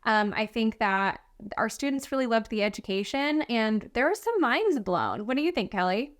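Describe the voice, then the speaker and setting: A woman's voice: on the high side, big pitch swings, moderate pace. A woman in her thirties co-hosting a podcast, chatting casually with many fillers and easy laughs. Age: 30s. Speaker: podcast co-host.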